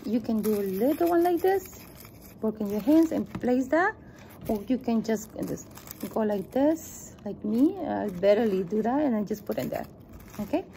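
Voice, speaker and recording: A middle-aged woman whose first language isn't English leads a children's craft lesson step by step, seated at a desk in an indoor room with a table. Her mid-range voice is warm and creaky, and she's patient and encouraging, often repeating herself. A faint hiss or hum is present.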